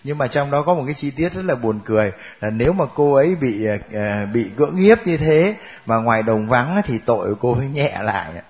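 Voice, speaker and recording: A man's voice: mid-range voice, expressive, fairly quick, hardly any pauses. A man teaching a Bible class, joking and laughing with his students.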